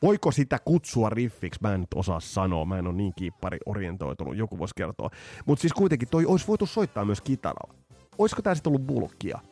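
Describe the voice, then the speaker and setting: A man's voice: lowish voice, sing-song, mellow. A man in his forties or fifties from Finland, hosting a podcast and talking casually in a rambling way, with many fillers and restarts. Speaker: podcast host. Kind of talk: casual music podcast commentary. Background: faint music.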